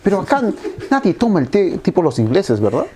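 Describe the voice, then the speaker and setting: A man's voice: sits high, huge pitch swings, fairly quick, warm tone, slight background noise. A man with a Peruvian accent, a history teacher hosting a casual interview, who hesitates, repeats words and drops in short agreements. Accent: Peruvian Spanish. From Peru.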